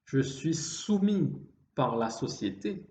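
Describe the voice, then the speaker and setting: Homme créole réunionnais au débit lent et hésitant. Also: male voice, fairly high pitch, sing-song, darkish tone. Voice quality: slightly effeminate voice. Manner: halting, with repeated false starts and trailing phrases; refined way of speaking. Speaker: vlogger. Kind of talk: introspective monologue. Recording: dull, roomy, faint background noise.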